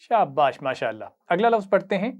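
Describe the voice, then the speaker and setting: A man with an Urdu accent teaching Quran reading, patiently explaining each word, reciting it slowly and praising the learner. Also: high voice, sing-song, muffled recording. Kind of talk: slow instructional lesson.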